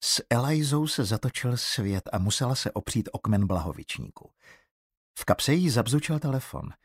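A man narrating an audiobook in a measured, suspenseful reading. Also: mid-range voice, sing-song, husky, no room sound, clean studio sound. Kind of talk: scripted narration.

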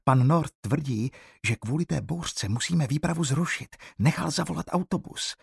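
Muž napodobující vyděšenou dospívající dívku. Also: male voice, a little high, lively intonation, creaky, breathy edge, no echo, studio quality, pitched above the performer's own voice, full character voice. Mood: anxious. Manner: shaky, anxious questions. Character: frightened teenage schoolgirl. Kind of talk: audiobook character voice.

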